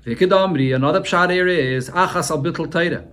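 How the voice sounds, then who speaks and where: A man's voice: on the high side, fairly quick, fairly bright tone. Man teaching a Talmud lesson. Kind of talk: Talmud shiur, translating and explaining.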